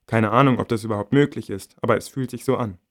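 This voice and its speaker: A man reading a first-person novel aloud in a measured, quiet and intimate way. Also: lowish voice. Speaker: audiobook reader. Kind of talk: scripted first-person narration.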